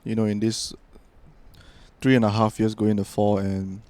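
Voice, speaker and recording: A young man hosting a casual podcast chat, relaxed and full of fillers. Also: fairly low pitch, normal speed. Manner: relaxed, filler-heavy, trailing off. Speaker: podcast host.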